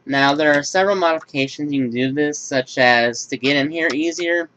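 In a home room, a young man with a slightly high, bright, forceful voice talks a little fast, hosting his gaming channel with a build tutorial and then a casual personal update thick with fillers. The home recording sounds dull and lo-fi, with a faint hiss underneath.

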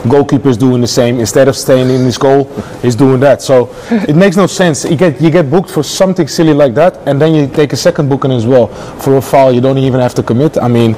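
Fast-talking dark-voiced male pundit. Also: mid-range voice, fairly even intonation, slight background noise. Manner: fast, emphatic, repeats words when pressed. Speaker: football pundit. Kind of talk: studio football analysis. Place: TV studio. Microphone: lapel.

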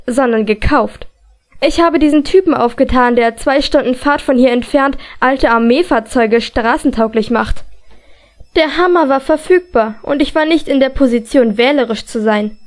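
A woman doing a gruff, growling man. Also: sits high, moderate pace, close to an everyday voice. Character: gruff grumbling man, blunt and stubborn.

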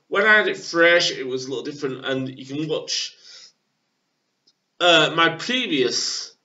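Slow, halting man reviewing beer on webcam. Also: mid-range voice. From England. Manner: halting, filler-heavy, relaxed. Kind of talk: casual beer review vlog. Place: small room at home. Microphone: webcam at desk. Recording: dull lo-fi webcam audio.

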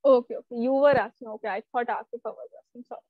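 A woman's voice: on the high side, steady tone, very fast, no room sound, narrow, tinny audio. A woman teacher, giving a live online lesson and explaining step by step while checking that her students follow. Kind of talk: live online class lecture.

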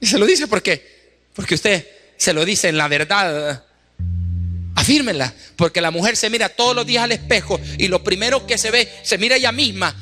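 In a church sanctuary, a pastor's Sunday sermon rings out in a man's high, animated, bright, and forceful voice at normal speed. He exhorts the congregation with emphatic calls he keeps repeating, and slips into asides acting out scenes between husband and wife. The live hall has echo and music.

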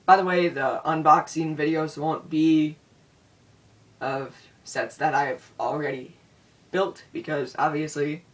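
A man talks slowly and hesitantly through a casual update, pausing on filler words, his slightly high voice caught in low quality. The sound comes from a built-in iPod microphone set back from him, so it is thin and distant. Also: a bit bright. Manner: hesitant, many ums and restarts. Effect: low-quality recording on a built-in iPod mic. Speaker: vlogger. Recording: distant low-quality handheld device mic.

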